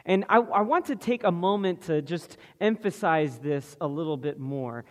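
A man preaching a sermon as pastor, slow and deliberate, asking the congregation questions. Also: a little high, lively intonation. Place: church sanctuary. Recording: long reverb of a large hall.

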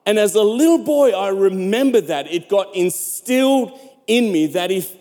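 A man's voice: high-pitched, expressive, normal speed, mellow. A man from South Africa preaching a sermon as pastor, emphatic, repeating and stretching key words and urging his listeners on. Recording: long hall reverb.

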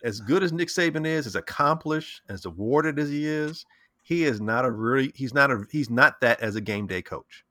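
A man's voice: medium pitch, animated, normal speed, pushed and bright, no echo. A man in casual sports chat, talking animatedly, repeating words and acting out what he said and thought. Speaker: sports talk co-host.

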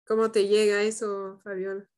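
A woman leading a parenting practice group, speaking calmly and thoughtfully with frequent questioning tags. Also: mid-range voice, normal speed, clean tone. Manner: calm, thoughtful, many "¿no?" tags. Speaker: group facilitator. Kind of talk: reflective group discussion.

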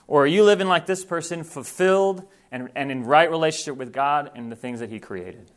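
A man from Thailand teaches missionaries in a conversational training talk. His voice is on the high side and a little fast, and he comes across as earnest and informal, often correcting himself.

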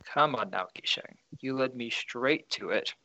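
A man's voice: medium pitch, unhurried, sharp tone. A man playing a character in a tabletop role-playing game, talking in a casual, playful way. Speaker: player.

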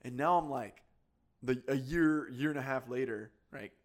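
A man hosts a casual car podcast at a mid pitch, often laughing at himself. He tells his stories with animated asides. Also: moderate pace. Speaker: podcast host.

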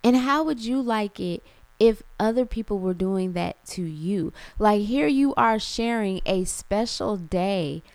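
A young adult woman hosting a casual venting monologue, animated and exasperated, full of rhetorical questions. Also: medium pitch, a little slow, dry recording. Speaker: podcast host.

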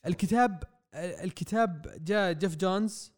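Young guy on a podcast mic, kinda high voice, excitable and rambling about comics. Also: normal speed. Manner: excitable, rambling, acts out quotes. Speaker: podcast co-host reviewing comics. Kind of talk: casual podcast review chat. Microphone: podcast microphone.

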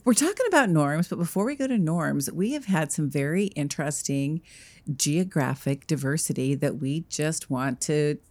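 A woman's voice: low-pitched, animated, moderate pace, a little mellow. A woman co-hosting a podcast in casual chat, frank and plain-spoken. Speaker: podcast co-host.

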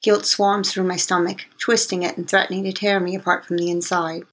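A woman narrating a fantasy thriller audiobook in the first person, with a measured, steady reading. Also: fairly low pitch, breathy edge.

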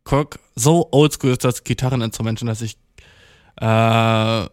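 A man's voice: mid-range voice, fairly even intonation, measured pace, dry recording, clean studio sound. Slangy young man rambling casually. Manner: slangy, mixes in English words; acts out quoted dialogue while storytelling. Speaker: solo talker.

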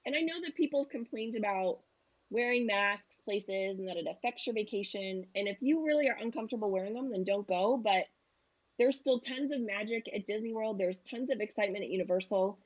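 A woman's voice: mid-range voice, brisk, muffled recording. A woman in her thirties, a travel agent guest, chatting casually and acting out quotes as she tells stories. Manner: chatty storyteller who acts out quotes. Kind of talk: casual chat.

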